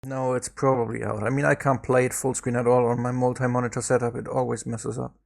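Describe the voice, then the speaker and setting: A man co-hosting a casual podcast chat, measured and teasing. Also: medium pitch, little pitch movement, creaky, darkish tone. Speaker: podcast co-host.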